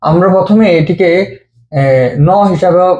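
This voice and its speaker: Patient man with a mellow voice. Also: high-pitched, muffled recording. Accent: Bengali. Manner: slow, patient, repeating each sound. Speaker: language teacher. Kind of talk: step-by-step script lesson.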